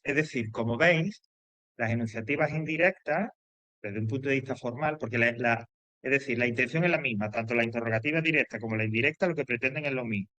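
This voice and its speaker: A man's voice: medium pitch, a bit bright, no room sound. Male teacher in a dry room. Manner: explains with repetition and lots of "¿vale?" check-ins; loose, hesitant phrasing with fillers and restarts. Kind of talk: classroom grammar lesson.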